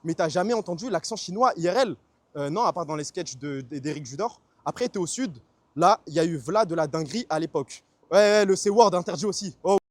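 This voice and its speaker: A man streaming casually, chatting fast in slang and answering his chat. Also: fairly high pitch, expressive, no echo. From France.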